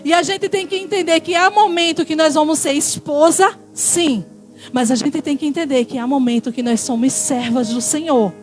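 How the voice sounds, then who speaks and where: Impassioned Brazilian woman pastor preaching. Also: very high voice. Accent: Brazilian Portuguese. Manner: impassioned, shifting between loud exhortation and quiet asides. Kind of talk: sermon.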